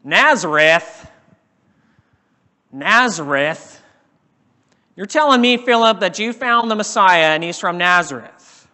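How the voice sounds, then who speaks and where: A man's voice: very high voice, animated, slow pace, pauses often, a bit bright, pitched above the performer's own voice, heavily acted. A man voicing an astonished, skeptical male disciple who exclaims in disbelief. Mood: incredulous. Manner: incredulous, exclaiming. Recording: echoing hall reverb.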